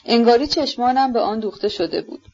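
Woman reading an earnest gentle young prince, sincere, dull lo-fi sound. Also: fairly high pitch, lively intonation, slightly rough.

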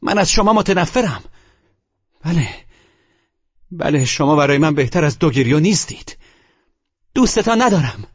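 A man's voice: mid-range voice, big pitch swings, gravelly, few pauses, husky, heavily acted. A man reading an audiobook voices a proud young woman who is scornful and breaks into distraught outbursts. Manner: contemptuous, shouting, sobbing outbursts. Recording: muffled lo-fi recording.

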